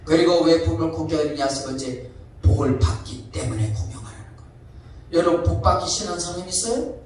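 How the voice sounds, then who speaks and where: Male pastor preaching, high voice, distant mic, very echoey church hall. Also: lively intonation, fast, a little mellow, slight background noise. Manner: asks the congregation questions, emphatic. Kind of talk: sermon.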